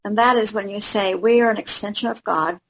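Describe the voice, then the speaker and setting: A woman's voice: medium pitch, steady tone, brisk, slight background noise, low-quality recording. A woman in a study group discussion, speaking in a thoughtful, searching way. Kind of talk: casual discussion.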